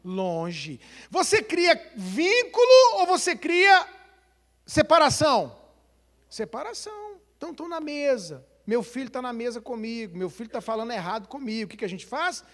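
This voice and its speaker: A man's voice: very high voice, big pitch swings, normal speed, fairly bright tone. A man from Brazil preaching a sermon as pastor, with a dramatic delivery, acting out family quarrels and asking the congregation questions. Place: church hall. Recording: long hall reverb.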